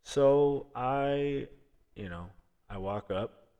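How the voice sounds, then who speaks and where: A man's voice: medium pitch, drawn-out words, dark tone, clear, resonant tone, dull audio. A young man hosting a podcast, telling a story casually with many fillers and chuckles. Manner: laid-back, chuckling, filler-heavy. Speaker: podcast host.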